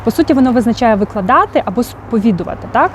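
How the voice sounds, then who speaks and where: A woman's voice: a little high, expressive, quick pace, slight background noise. A woman with a Ukrainian accent teaching English vocabulary, explaining patiently and often checking in with "так?". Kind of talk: vocabulary lesson.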